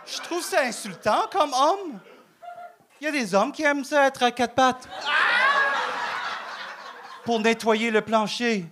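A high-pitched man with a Vietnamese accent does stand-up on a club stage. He speaks in halting, broken French and keeps tagging his lines with "hein?". The live recording has plenty of noise behind it. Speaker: stand-up comedian. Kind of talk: stand-up comedy set.

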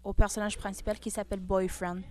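A woman's voice: mid-range voice, level tone, quick pace. A woman with a Québécois French accent being interviewed in a casual chat, hesitant and searching for words.

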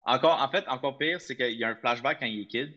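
Bright-voiced man arguing his point. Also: medium pitch, fast, muffled recording. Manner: argues his point, slips into English phrases. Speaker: podcast co-host. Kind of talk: casual chat.

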